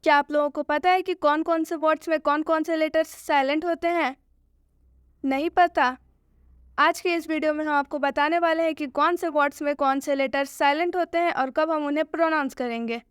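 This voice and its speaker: High-voiced woman introducing a lesson. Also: fairly even intonation, a little fast, no echo, clean studio sound. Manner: asks the viewer rhetorical questions. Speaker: English teacher introducing the lesson. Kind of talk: scripted video introduction.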